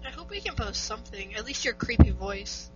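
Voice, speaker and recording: A woman's voice: a little high, animated, brisk, music in the background. A teenage girl co-hosting a casual chat over an online call, teasing and swearing freely. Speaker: podcast co-host. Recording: muffled lo-fi call with faint hum.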